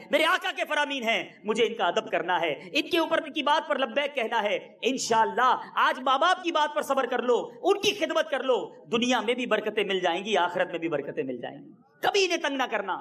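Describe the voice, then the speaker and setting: High-voiced man preaching with fervor. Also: sing-song. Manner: emphatic, impassioned preaching with sharp rises in pitch. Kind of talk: sermon.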